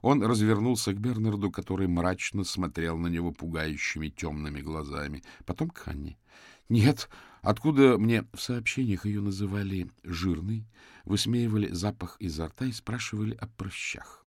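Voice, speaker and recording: A man narrating a crime audiobook in a steady storytelling manner. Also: low-pitched, moderate pace, no echo, studio quality. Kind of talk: scripted narration.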